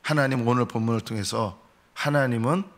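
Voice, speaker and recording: A man preaching a dawn sermon in a church sanctuary, his voice at an ordinary middle pitch. He climbs high and loud when he acts out complaining prayers, then sinks low and soft for solemn points. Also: brisk. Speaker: pastor.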